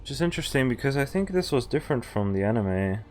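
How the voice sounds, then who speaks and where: Very animated and fast-talking, this streamer has a medium-pitched, darkish voice, with faint music behind him. He reads a visual novel's text out loud and keeps breaking off to react and add casual asides.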